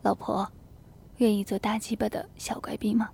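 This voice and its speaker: A woman voicing a tender, teasing young husband in a whispered role-play, with a hushed, coaxing murmur. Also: on the high side, steady tone, moderate pace, slightly rough, dry recording.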